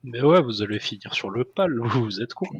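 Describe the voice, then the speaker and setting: A man's voice: mid-range voice, animated, moderate pace, husky. A man playing a tabletop game, chatting bluntly in casual slang. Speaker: player.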